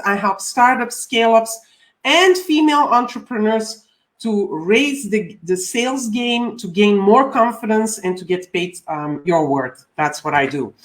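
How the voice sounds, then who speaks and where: A woman from Belgium in her forties, a coach hosting a live stream, welcoming viewers over and over with frequent ums. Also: fairly high pitch. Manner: warm repeated welcomes, frequent ums, reads viewer comments.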